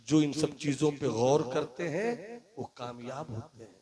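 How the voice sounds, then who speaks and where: A man preaching a sermon to a live gathering, asking the audience questions and building repeated lines up to shouted peaks. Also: fairly high pitch, a little slow. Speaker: Islamic preacher. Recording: live crowd audible behind. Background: audience calling out responses.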